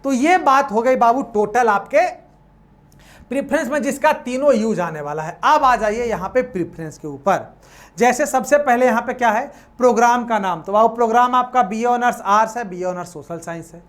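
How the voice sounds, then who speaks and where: Higher-pitched woman tutor, self-answering questions. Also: lively intonation, normal speed. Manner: asks questions and answers them herself, calls students "babu". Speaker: coaching tutor. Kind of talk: online counselling lesson.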